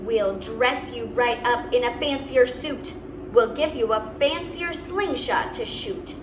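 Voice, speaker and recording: A woman's voice: on the high side, takes it slowly. A woman voicing a confident, boastful old military chief in a children's storybook, grand and reassuring. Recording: roomy, distant mic, clear background noise.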